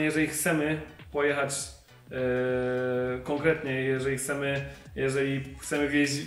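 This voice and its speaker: A young man speaks in a fairly high but flat, even tone, laying out a ski review in a measured way and pausing now and then to find the right word. His voice carries the echo of an indoor shop, with faint music behind him. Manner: measured, explanatory, pauses to find words. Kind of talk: product review.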